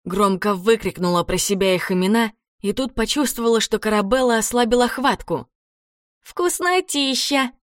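A woman reading a children's adventure story aloud as narrator, in a dramatic, expressive way. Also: mid-range voice, fairly quick, few pauses, no room sound, studio quality. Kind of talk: audiobook narration.

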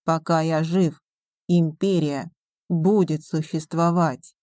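A proud young king who will not be questioned, as a woman reading an audiobook puts him on. He speaks slowly and sternly in a low, dark voice. Every word is a command. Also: fairly even intonation, no room sound. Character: proud young male conqueror-king, imperious.

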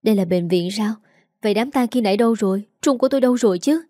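A woman's voice: mid-range voice, fast, mellow, no echo, clean studio sound, close to an everyday voice. A woman voicing a frantic, grieving young woman who pleads through tears. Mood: distraught. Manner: pleading, tearful, breathless.

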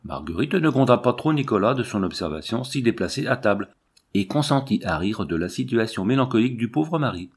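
A man reading a classic novel aloud as an audiobook narrator, in a measured, even storytelling delivery. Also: mid-range voice, slightly rough. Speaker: audiobook reader.

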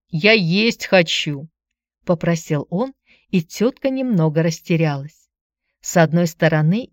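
A woman reads a first-person story aloud in a calm, measured way. Her voice sits on the low side. The recording is dry and close, with no room sound. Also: dry recording. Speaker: audiobook narrator. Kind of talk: first-person audiobook narration.

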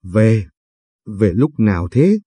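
A man playing a gruff, short-tempered husband who gives curt orders. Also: lowish voice, very animated, takes it slowly, mellow, no room sound, exaggerated voice. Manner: curt, bossy.

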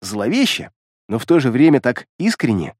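A man reading a first-person fantasy audiobook in an expressive, dramatic way. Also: mid-range voice, moderate pace, slightly rough, no echo, clean studio sound. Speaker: audiobook narrator.

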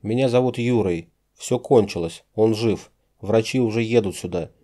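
Male narrator as a steady rescuer, low, mellow and calm, reassuring. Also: moderate pace, lightly acted. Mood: soothing.

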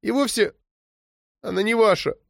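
A man voicing a stubborn, tearful ten-year-old girl who pleads in a high voice. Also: normal speed, vocal fry, no echo, studio quality. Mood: upset.

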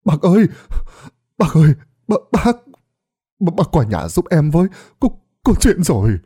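A man voicing frightened villagers and a gruff old exorcist in urgent, rushed dialogue. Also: mid-range voice, sing-song, dark tone. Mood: panicked.

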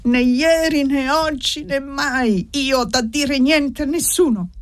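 A reader voicing a defiant, feverish young peasant woman who cries out in high, strained bursts. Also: a little slow, dark tone, natural voice. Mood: stubborn.

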